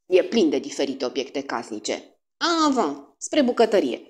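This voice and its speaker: A woman's voice: low voice, huge pitch swings, darkish tone. A woman voicing a fussy, vain middle-aged male detective, theatrical and fond of French exclamations, in a storybook reading. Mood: triumphant.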